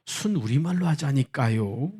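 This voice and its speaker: A man's voice: mid-range voice, animated, measured pace, mellow, slightly rough. A man voicing a polite old grandmother. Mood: politely insistent. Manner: courteous, insistent phrasing. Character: polite elderly Seoul grandmother, growing exasperated.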